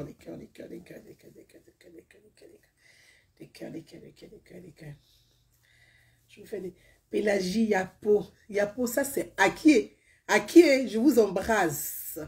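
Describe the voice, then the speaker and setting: A woman from Côte d'Ivoire with an Ivorian French accent, talking to viewers in a casual live-stream monologue, emphatic and repetitive, her sentences often trailing off softly. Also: lowish voice. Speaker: live-stream political commentator.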